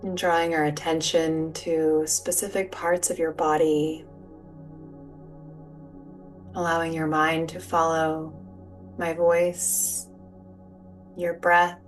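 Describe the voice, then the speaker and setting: A yoga nidra guide leads a guided relaxation as a yoga teacher, her low voice barely moving in pitch as she gives soft-spoken, soothing, gentle and unhurried instruction. The mic is distant, with soft music or sound bowls playing behind her.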